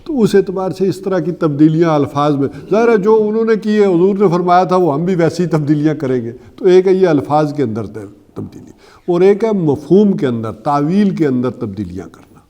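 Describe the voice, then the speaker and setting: A man giving a religious lecture, explaining scripture step by step, slowing down to recite verses and asking rhetorical questions. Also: a little high, expressive, mellow. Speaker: Quran teacher.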